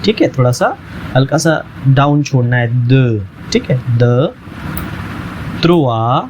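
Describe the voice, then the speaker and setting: A man teaching a language lesson, patiently repeating each word slowly and often checking that the learner follows. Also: medium pitch, very animated, dull audio, background noise. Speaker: French teacher. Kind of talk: language lesson explained in Hindi.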